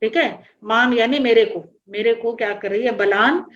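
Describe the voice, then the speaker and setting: A woman's voice: a little high, moderate pace, a bit bright. Patient woman teacher explaining verses. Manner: patient line-by-line explanation with repetition. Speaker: religious teacher explaining a hymn. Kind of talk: online class explanation. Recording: dull lo-fi online class audio with faint noise.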